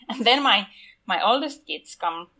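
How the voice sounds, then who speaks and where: A woman's voice: medium pitch, expressive, slow pace, sharp tone, rough recording. A woman from Finland speaking English with a Finnish accent as a non-native speaker, chatting carefully on a podcast. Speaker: podcast panelist. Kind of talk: casual podcast chat.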